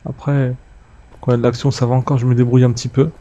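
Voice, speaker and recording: A man's voice: mid-range voice, flat delivery, rapid-fire, warm tone, dull audio. A man casually commenting on his gameplay, chatting to viewers and muttering to himself. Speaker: let's play gamer.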